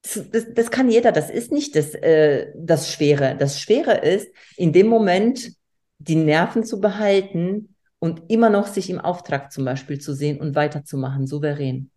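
A woman's voice: sits low, normal speed. A woman hosting a podcast and working as a coach herself, chatting casually and rambling with repeated words. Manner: rambling, repeats words, warm-hearted encouragement. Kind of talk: casual interview chat.

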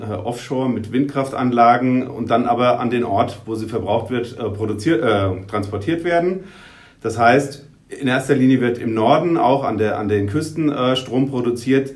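A man of middle pitch explains things slowly as a guest on a podcast, stopping often with "er" and starting his sentences over. He speaks as a local newspaper editor. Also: darkish tone. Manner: hesitant, many ers and restarts while explaining. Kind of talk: podcast interview.

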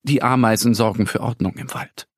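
A man narrating a children's story in a slow, expressive storytelling manner, recorded close in a studio. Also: mid-range voice, dry recording.

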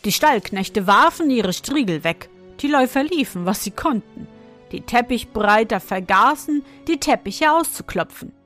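A woman narrating a fairy tale in a calm, measured storytelling voice. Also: on the high side, soft background music.

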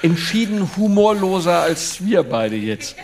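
A man's voice: high voice, sing-song, measured pace, a little mellow, a little hiss or hum, voice pushed up, full character voice. A man doing an eager, fumbling salesman. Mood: flustered. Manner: eager, helpful tone with hesitant fillers. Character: eager, polite middle-aged male salesman.

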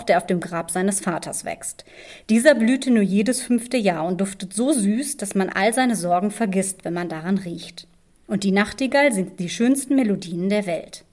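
On her podcast, a woman with a medium-pitched voice tells fairy tales and talks them over. She narrates in a measured, expressive way, like a practiced storyteller.

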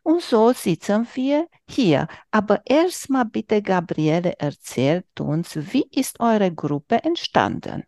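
Casting: woman podcast host, slow and lively, gravelly edge, slightly broken German, dry close mic. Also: mid-range voice, dry recording. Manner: warm, playful questioning with slightly broken German grammar. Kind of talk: casual interview chat.

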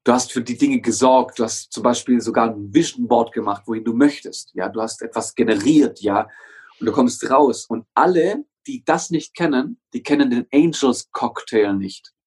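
Husky, emphatic man coaching hard. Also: mid-range voice, normal speed, a little mellow. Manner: emphatic, swears often, hammers phrases through repetition. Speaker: interview guest, motivational coach. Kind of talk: energetic motivational talk.

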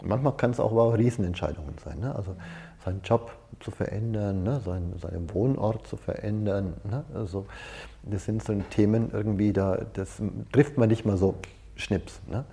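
At a moderate pace, a man with a fairly low, dark voice leads a seminar. He keeps it informal and conversational, telling personal anecdotes and checking in often with short tag questions.

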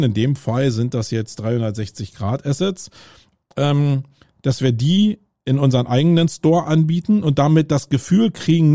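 Roadwork noise fills a city street where a middle-aged podcast host from Germany talks through his thoughts in a loose solo monologue, stumbling through fillers and restarts. He has a mellow, mid-range voice, and the recording is dry and of studio quality.

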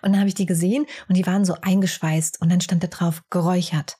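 A woman's voice: lowish voice, fairly even intonation, quick pace, mellow, breathy edge. A woman co-hosting a podcast, casually telling jokes and stories, teasing and laughing often. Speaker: podcast co-host. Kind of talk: casual chat and joke telling.

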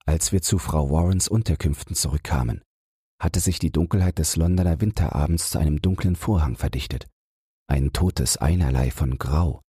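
A man narrating a classic detective story in an even, unhurried way for a sleep audiobook. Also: rumbling low, breathy edge, no echo, studio quality.

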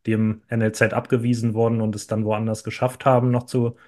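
A man speaks as a guest on a conversational podcast. His low voice stays flat and even in tone, and he weighs his words in a measured, thoughtful way. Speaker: guest, youth football coach and sports teacher. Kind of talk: conversational interview.

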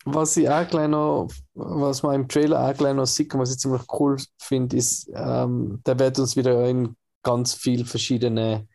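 A man chats casually about a film trailer, his voice gravelly and rough at the edges. He rambles, stops and restarts, and fills gaps with hesitant sounds, at a middling pitch. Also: level tone, unhurried, hardly any pauses, warm tone. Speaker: podcast co-host.

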